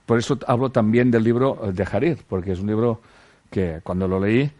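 A man's voice: fairly low pitch, fairly quick, dark tone. A man with a Spanish accent from Spain giving a casual spiritual talk to a group, firing rhetorical questions, dropping earthy slang and calling his listeners sweethearts. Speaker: spiritual teacher.

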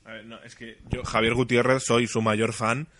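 A man talking casually about a film, enthusiastic and quick to cut in. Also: mid-range voice, level tone, a bit bright. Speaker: film reviewer. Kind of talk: casual chat.

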